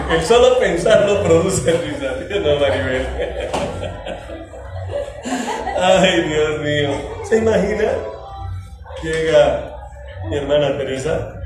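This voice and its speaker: A pastor preaches to his congregation in a fairly high voice, asking questions and acting out little scenes. He speaks slowly and deliberately. He is heard from a distance in a very echoey church hall, with music playing behind him. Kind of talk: sermon.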